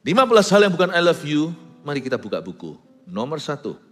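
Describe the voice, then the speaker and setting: A man's voice: a little high, sing-song, quick pace. A man preaching a sermon as pastor, mixing English phrases into his talk and dropping joking asides. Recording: large hall with long reverb, faint music.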